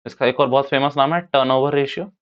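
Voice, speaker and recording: A man's voice: mid-range voice, fairly even intonation, quick pace. A man, teaching commerce in a casual classroom lecture and repeating his points as he talks to students. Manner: chatty, addresses students as "bhaiya", repeats points. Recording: dull lo-fi sound.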